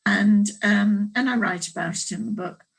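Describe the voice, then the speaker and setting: Brief: guest author, woman, husky voice, mid pitch, reflective storyteller who restarts often. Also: normal speed, poor audio. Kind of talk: casual panel discussion.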